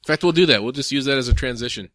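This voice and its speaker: A man's voice: medium pitch, very fast, a bit bright, no room sound. A young man hosting a casual podcast, upbeat and steering the talk along. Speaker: podcast host. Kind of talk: casual chat.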